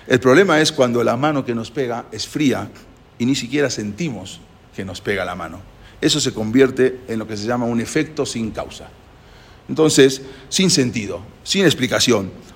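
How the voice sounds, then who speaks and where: Gravelly, raspy-voiced male lecturer. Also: animated. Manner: emphatic, with sudden rises in pitch and loudness; halting restarts and filled pauses when searching for words. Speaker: religious lecturer. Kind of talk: sermon-like lecture.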